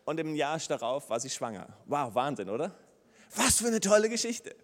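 Male preacher, slightly high voice, animated storyteller, church hall reverb. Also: normal speed. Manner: lively storytelling preacher, acts out the characters' lines. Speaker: pastor. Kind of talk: sermon.

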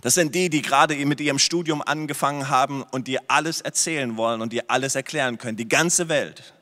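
A man's voice: medium pitch, a little fast. Emphatic male pastor in a reverberant hall. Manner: emphatic, repeats phrases, swings from loud to hushed. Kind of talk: sermon. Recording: long reverb of a large hall.

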